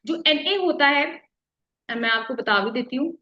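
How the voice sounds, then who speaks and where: A woman's voice: sits high, lively intonation, unhurried. A woman with a Pakistani Urdu accent teaching a chemistry class, explaining patiently and often checking whether students follow. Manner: explains patiently, mixing English terms, often checks "theek hai?". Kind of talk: classroom lecture. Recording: echoey, slightly dull classroom recording.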